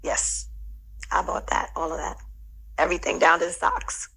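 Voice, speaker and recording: Low gravelly woman telling a story. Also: level tone, normal speed, fairly bright tone, rough recording. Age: middle-aged. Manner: reflective, heavy with "you know" fillers. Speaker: interview guest. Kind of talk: casual storytelling interview.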